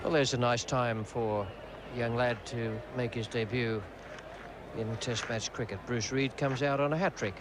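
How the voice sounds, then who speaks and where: A man provides live cricket commentary and sums up the play in an archival broadcast, with a stadium crowd audible behind him. His voice is mid-range, his intonation fairly even, and his pace moderate.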